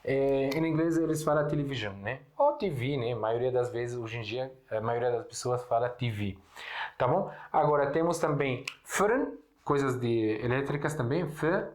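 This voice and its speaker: Guy teaching words, easygoing, keeps asking "right?", mid pitch. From Syria. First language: Arabic. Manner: explains slowly, writes on a board, checks in with "né?". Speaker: Arabic teacher. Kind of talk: casual language lesson.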